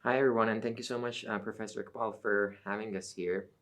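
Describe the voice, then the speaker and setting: His voice is on the low side, with fairly even intonation and a fairly bright tone. He is a middle-aged Iranian professor, Azeri Turkish by first language, guesting on an academic interview and explaining in a measured way with many fillers.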